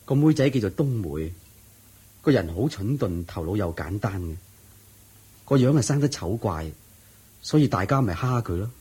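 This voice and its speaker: In a 1980s-style radio drama, a male actor voices a devoted disciple, earnest and respectful as he explains at length. His voice sits on the low side, mellow with a breathy edge, with lively intonation, normal speed and frequent pauses.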